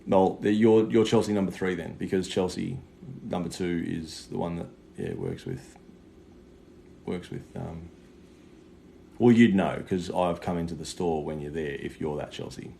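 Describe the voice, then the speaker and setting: A man poses as a psychic medium giving live readings on a livestream, chatting in a matey, sweary way full of slang. His voice is low-pitched and dark-toned, with lively intonation and a moderate pace, and background noise is clearly audible.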